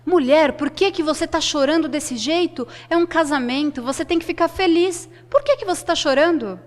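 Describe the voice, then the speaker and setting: A woman's voice: high-pitched, moderate pace, in a large hall, pitched above the performer's own voice, close to an everyday voice. A woman storyteller voicing a puzzled village husband who scolds his wife with exasperated questions.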